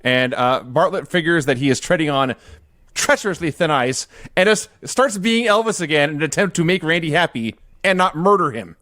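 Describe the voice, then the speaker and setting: A man's voice: on the high side, a little fast, no room sound. A man hosts a casual chat show and tells stories with a lot of movement in his voice. He pokes fun at himself as he goes. The sound is dry and close, with no room around it. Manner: animated, self-mocking storyteller. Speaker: podcast host. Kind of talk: casual chat recapping old wrestling shows.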